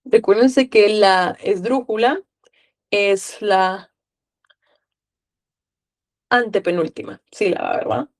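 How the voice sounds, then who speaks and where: An upbeat woman with a Guatemalan accent teaches a live online class, checking in with her students and prompting them to answer. She talks at a middling pitch. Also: slow, pauses often. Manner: upbeat, coaxing questions to students. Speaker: online tutor.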